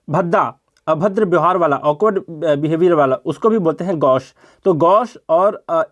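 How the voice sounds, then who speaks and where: A man teaches vocabulary for competitive exams. He explains each word step by step, repeats terms and keeps asking his students rhetorical questions. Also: a little high. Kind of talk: exam-prep vocabulary lesson.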